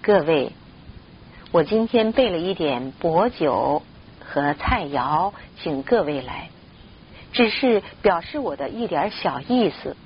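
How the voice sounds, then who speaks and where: A woman's voice: lowish voice, expressive, dull audio, a little hiss or hum. A woman doing a solemn widowed mother. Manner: solemn, measured.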